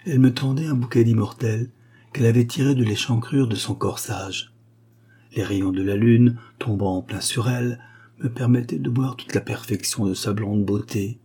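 A man narrating a literary story as an audiobook, in a measured, unhurried delivery. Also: mid-range voice, fairly even intonation, mellow, husky. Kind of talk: audiobook reading.

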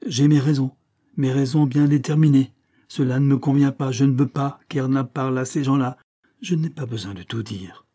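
A man's voice: mid-range voice, moderate pace, slightly rough, natural voice. A man reading aloud and voicing an old husband who stammers and pleads in desperation. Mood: angry. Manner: stammering, pleading, rising to loud outbursts.

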